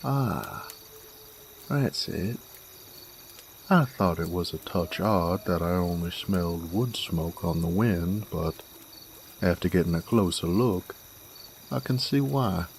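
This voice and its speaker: A man gives an acted Western audio roleplay monologue to the listener as a smooth-talking werewolf bounty hunter, a genial drifter with a deep American Southern/Western drawl. His exaggerated, expressive, creaky voice is coaxing and easygoing, folksy, courteous, wordy and unhurried, with a little hiss or hum.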